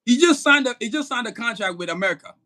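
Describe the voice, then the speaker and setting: Worked-up guy venting on a podcast, sharp bright tone, swears a lot. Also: very high voice, lively intonation, quick pace. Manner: angry, cursing, emphatic, shouting at times. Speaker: podcast co-host. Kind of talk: heated political podcast rant.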